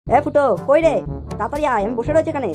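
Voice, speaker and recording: A woman voicing a crude, hot-tempered father in a cartoon, who swears constantly and yells threats at his son. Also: high-pitched, rapid-fire, music in the background, natural voice. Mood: scolding. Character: crude hot-tempered middle-aged father, foul-mouthed. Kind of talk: cartoon voice acting.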